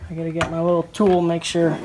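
A man's voice: a little high, completely flat delivery, quick pace. A man in his thirties casually explaining his plumbing work in an unfinished room, plain-spoken and practical with folksy grammar. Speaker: DIY home builder. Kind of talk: casual how-to explanation while working. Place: unfinished framed room indoors. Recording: noisy room recording.

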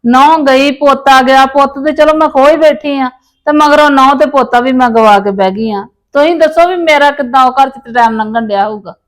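A woman with a high-pitched voice plays a mother-in-law in a family drama. She pleads and apologises, full of self-pity, asking to be forgiven. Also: moderate pace. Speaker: mother-in-law wanting her grandson back. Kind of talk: scripted village family drama.

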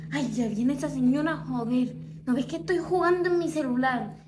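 A woman's voice: high voice, brisk, crowd noise, lightly acted. A woman playing a defiant, bratty teenage daughter hooked on her phone, in a home drama video.

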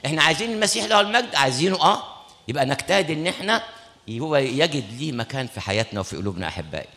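A man's voice: fairly high pitch, very animated, racing, pushed and bright. A man with an Egyptian accent, a priest preaching a sermon and retelling conversations from his ministry, acting out both sides. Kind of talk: sermon with storytelling. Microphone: studio broadcast mic.

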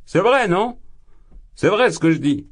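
A man reading an audiobook voices a drunk, exalted young man who rants loudly, his voice leaping high and then sinking. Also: expressive, a little slow, breathy edge, heavily acted. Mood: ranting. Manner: loud, impassioned, rambling, swings high. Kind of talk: audiobook character voice.

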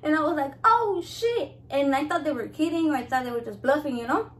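A woman's voice: high voice, fast. A young Mexican American woman hosting a cooking channel, chatting brashly to camera, swearing constantly and slipping into Spanish. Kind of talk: casual profane chat to camera.

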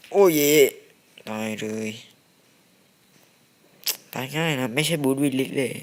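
A man casually commenting on his gameplay, chatty and quick to exclaim and swear at the game. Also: medium pitch, a bit bright. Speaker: gameplay video host. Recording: faint background noise with clicks.

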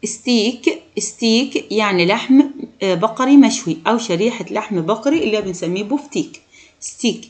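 A woman with an Egyptian Arabic accent teaching an English lesson to children, repeating each word slowly and asking the pupils questions. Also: medium pitch, lively intonation, a little mellow. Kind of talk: classroom lesson explaining vocabulary.

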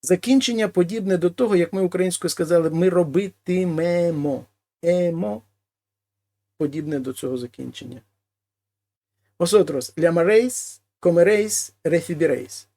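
A man teaching a language lesson: he reads each example phrase, then translates it slowly and explains it. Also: high-pitched, lively intonation, mellow. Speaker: Spanish teacher.

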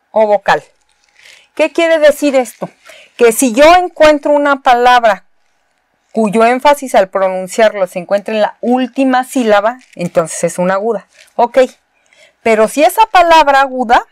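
A clear, resonant, slightly high female voice belongs to a Mexican woman teaching spelling at a university board. Her explanations come patiently, one step at a time, with key words repeated, on a dry recording.

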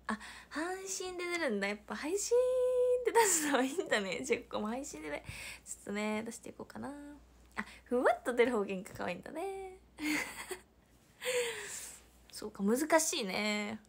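A woman's voice: sits high, big pitch swings, moderate pace, breathy edge. A young woman from Hiroshima with a Hiroshima accent, chatting casually on a livestream, reading viewer comments aloud and laughing often. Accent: Hiroshima Japanese. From Hiroshima, Japan. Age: young adult. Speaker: idol livestreamer.

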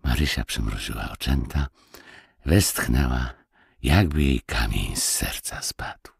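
A man narrates a children's fairy tale in an expressive storytelling manner. His voice is very low and husky, with a lively melody. The recording is dry and close. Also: measured pace, dry recording. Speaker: audiobook narrator. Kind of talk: fairy-tale audiobook reading.

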